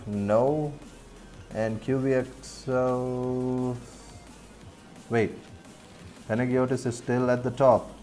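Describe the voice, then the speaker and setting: A man's voice: mid-range voice, darkish tone. A man with an Indian accent keeps up casual commentary while he plays, talking to his viewers. He laughs easily and often. Faint game music plays behind his voice. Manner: chatty, laughs often, answers chat. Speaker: streamer.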